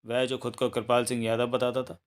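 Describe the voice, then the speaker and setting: A man's voice: mid-range voice, a little fast, natural voice. A man voicing a confused young husband who claims to be another man, in a read-aloud thriller novel. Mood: calm explaining. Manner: bewildered then calm and explaining.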